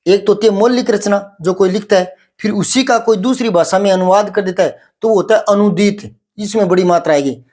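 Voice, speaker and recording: A man whose voice sits high with a darkish tone teaches a spoken Hindi vocabulary and grammar lesson. He patiently explains paired words with drawn-out contrasts and checks in with students often, saying "ठीक है."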